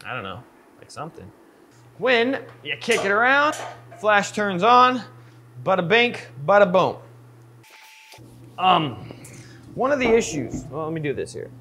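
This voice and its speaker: A man's voice: high voice, wildly swooping pitch, normal speed, pushed and bright, slight background noise. A man in his thirties with a congested, stuffed-up nasal voice, as if pinching his nose, talking casually to camera in a laid-back vlog style. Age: 30s. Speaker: screen printing shop owner and vlogger. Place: indoors in a screen printing workshop.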